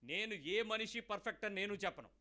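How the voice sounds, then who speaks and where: A man's voice: sits high, a little fast, pushed and bright. A middle-aged man, preaching a sermon and firing emphatic rhetorical questions at his listeners. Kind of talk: Telugu sermon.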